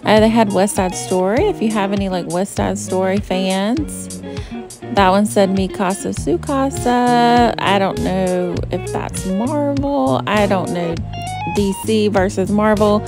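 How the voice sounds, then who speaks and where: A young woman from the southern US chats through a shopping haul voice-over, bubbly and easygoing, scattering "um" and "like" as she goes. Her voice sits at an ordinary middle pitch, and a little music plays quietly underneath. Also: measured pace. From Southern United States. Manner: chatty and bubbly, many fillers like "um" and "like". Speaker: shopping vlogger. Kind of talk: casual voice-over narration of a shopping trip. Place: voice-over recorded apart from the pictured store. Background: faint background music.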